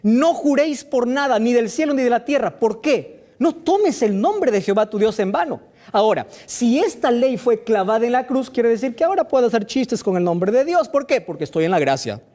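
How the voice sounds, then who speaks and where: Animated preaching man, lively pitch. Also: moderate pace. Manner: rhetorical questions to listeners, emphatic and animated. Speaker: pastor. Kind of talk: sermon.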